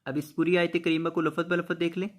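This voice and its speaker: High-voiced man teaching Quran recitation. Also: flat delivery. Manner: stretches each word slowly when reciting, then explains rules briskly; repeats words and asks rhetorical questions. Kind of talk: tajweed lesson, slow drawn-out recitation then quick explanation.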